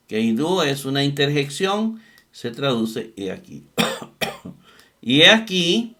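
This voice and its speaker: A man with a gravelly, creaky voice teaches a Bible Greek lesson at a slow, unhurried pace. He works methodically, repeating each form and thinking aloud with small fillers as he searches. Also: a little high, bright, forceful tone. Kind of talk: slow screen-share lesson on Greek grammar.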